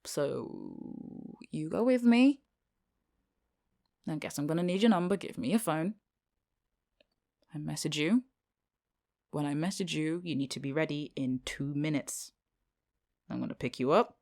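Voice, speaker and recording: Here the same low-pitched British schoolgirl, voiced by a woman, is a reluctant secret magical girl who sounds resigned and awkward. She speaks casually and haltingly, with slangy, sardonic exasperation, lively intonation, a creaky, darkish voice, and very heavy acting. It comes across as an ad-libbed audio roleplay.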